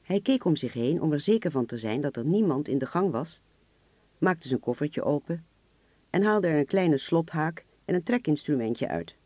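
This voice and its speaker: A man narrating a radio drama in a measured, even storytelling voice. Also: fairly high pitch, no echo.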